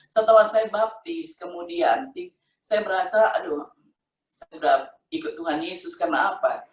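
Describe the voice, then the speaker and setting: A middle-aged woman tells her personal faith testimony in an emotional, conversational way, often repeating herself. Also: lowish voice. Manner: emotional, repetitive, conversational storytelling. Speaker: testimony giver. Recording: roomy sound from a distant mic.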